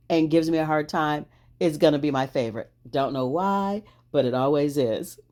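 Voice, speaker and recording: Woman, low voice, warm tone, chatty crafting voice-over, cheerful. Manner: chatty and cheerful, laughs at her own struggles. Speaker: craft video host.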